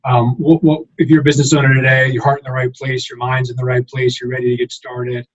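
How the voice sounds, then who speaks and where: A man with a medium-pitched voice hosts a panel, asking questions in a conversational style. The recording is a little dull and lo-fi. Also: monotone, fast. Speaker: panel host. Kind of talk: conversational interviewing.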